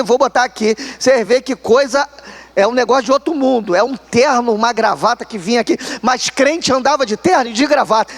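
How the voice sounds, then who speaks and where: Man, Brazilian accent, very high pitch, sermon testimony, animated storytelling. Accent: Brazilian Portuguese. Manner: animated storytelling, addresses listeners as brother. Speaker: preacher.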